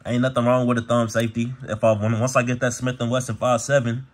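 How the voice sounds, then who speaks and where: A man with a husky, mid-pitched voice shows off gear to the camera. He talks in a casual, slangy, laid-back way, addressing viewers like friends as a channel host would. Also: little pitch movement, fast. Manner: slangy, laid-back, peppered with "bro" and "y'all". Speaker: gun channel vlogger.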